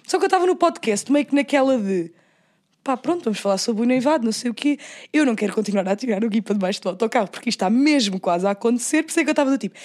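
Very fast, high-voiced young woman. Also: lively intonation, darkish tone. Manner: slangy, quoting own thoughts and remarks. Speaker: podcast co-host. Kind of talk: casual chat.

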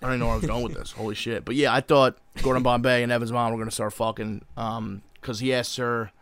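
A man's voice: medium pitch, level tone, quick pace, a bit bright, smooth, no echo. Young american guy, total frat bro, swears a ton, slangy podcast hangout talk, dry sound. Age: young adult. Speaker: podcast co-host. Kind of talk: casual chat recapping a show.

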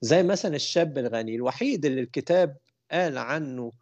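A man's voice: fairly high pitch, animated, fast, a little mellow. A man with an Egyptian Arabic accent preaching a colloquial sermon in a conversational way, often putting questions to his listeners.

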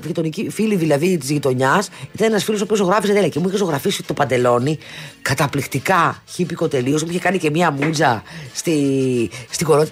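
A woman's voice: low voice, slightly rough. Rambling woman storyteller in her fifties. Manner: rambling storyteller with many restarts and asides. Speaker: radio show co-host. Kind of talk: casual chat, storytelling.

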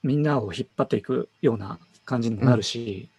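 A man's voice: medium pitch, brisk, vocal fry, a little mellow, slightly rough. A man who works as a designer, talking casually about his work and thinking aloud with fillers and self-corrections.

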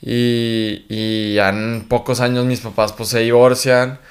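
A man with a northern Mexican accent telling his childhood story in a relaxed, slangy podcast chat. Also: mid-range voice, slow. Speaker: podcast guest. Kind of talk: casual chat.

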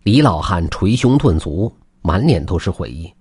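Husky, animated male storyteller. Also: low voice, normal speed. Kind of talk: folk tale storytelling.

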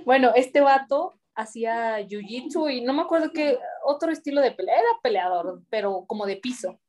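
A woman's voice: a little high, moderate pace. A young adult woman with a Mexican Spanish accent, chatting casually, telling stories with plenty of slang and swearing. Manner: swearing, laughing, animated storytelling. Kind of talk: casual chat.

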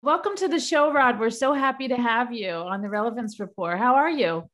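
A woman hosting an interview podcast, welcoming her guest warmly and effusively and asking questions. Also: fairly high pitch, brisk. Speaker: podcast host. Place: New York.

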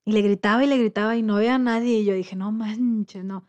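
A woman's voice: medium pitch, brisk. A woman with a Mexican accent telling a story in casual chat, acting out the voices of the people she quotes. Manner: lively storyteller who acts out quoted voices.

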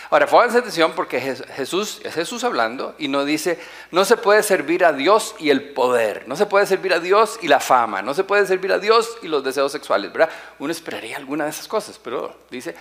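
A man preaching a sermon, emphatic, slowing down and repeating key phrases and asking the congregation rhetorical questions. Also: medium pitch, a bit bright. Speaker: pastor.

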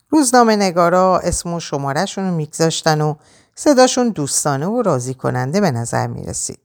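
A woman narrating an audiobook in an expressive, measured way. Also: low voice.

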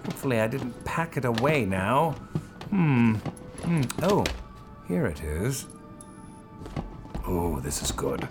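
A man voicing a theatrical, eccentric male host character who talks in a grandiose, drawn-out way over a music bed. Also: big pitch swings. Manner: grandiose, drawn-out, sweeping pitch.

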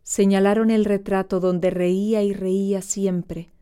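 A woman reading a literary story aloud in a measured, gentle audiobook narration. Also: medium pitch, little pitch movement, smooth.

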